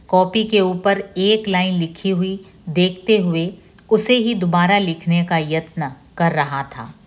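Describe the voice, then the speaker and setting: Slow, low-voiced woman reading a novel. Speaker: Hindi professor. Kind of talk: reading a novel aloud for a lesson.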